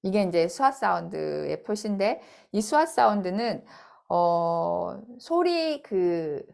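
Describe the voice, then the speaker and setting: Her voice medium-pitched and creaky, a middle-aged woman teaches phonics in a relaxed spoken way. She models the sounds by repeating them aloud and keeps her explanations slow.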